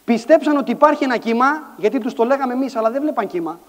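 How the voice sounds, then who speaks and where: A middle-aged man giving an animated motivational stage talk, acting out dialogue and shouting some lines in a large conference hall. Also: extremely high pitch. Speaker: conference speaker. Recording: echoey hall sound.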